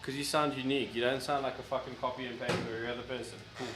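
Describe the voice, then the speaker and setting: A man chatting casually and teasing a friend, his talk loose and salted with swearing. His voice sits at an ordinary pitch. The room is echoey, with music playing clearly behind him. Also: little pitch movement, rapid-fire. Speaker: tattoo apprentice and podcast host. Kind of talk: casual chat.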